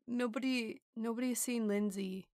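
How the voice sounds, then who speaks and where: A woman's voice: on the high side, steady tone, normal speed, a little mellow, dry recording, clean studio sound. A woman in an improvised comedy murder mystery, playing it melodramatic and fake-tearful. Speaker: improv player. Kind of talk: improvised comedy role-play.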